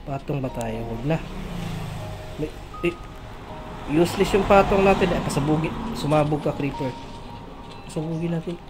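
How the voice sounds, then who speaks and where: A congested gamer, still getting over a cold, chatting casually through mobile gameplay and calling out to monsters in a drawn-out singsong. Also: medium pitch. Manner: calls out to mobs in a drawn-out singsong. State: congested from a cold, chesty cough. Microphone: phone. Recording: loud game music behind voice. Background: game music.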